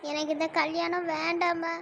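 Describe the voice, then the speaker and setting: A woman's voice: very high-pitched, little pitch movement, moderate pace, fairly bright tone, a little hiss or hum. A woman voicing a tearful young village daughter in a cartoon who pleads with her mother. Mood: pleading. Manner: pleading, whiny. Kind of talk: cartoon dub acting.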